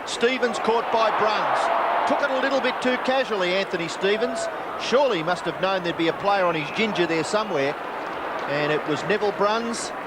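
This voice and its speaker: A man's voice: sits high, moderate pace. An Australian man calling a football match live as play-by-play commentator. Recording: roaring stadium crowd, very noisy broadcast. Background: loud crowd.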